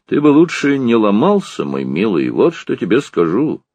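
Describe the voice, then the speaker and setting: Guy voicing a pompous fat doctor, bossy booming, raspy, dry recording. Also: wildly swooping pitch, moderate pace, a little mellow, no echo, full character voice. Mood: domineering.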